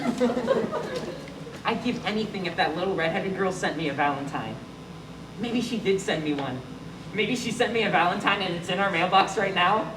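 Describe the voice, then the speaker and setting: A young man acting out a fretful, hapless little boy on a theater stage, his high-ish voice singing and muttering over a piano. The sound comes from across an echoing hall, far from the mic. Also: background noise. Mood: nervous. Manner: sings with piano, talks himself through worries. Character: gloomy nervous young boy, hopeful underdog. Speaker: stage actor. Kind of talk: live stage musical.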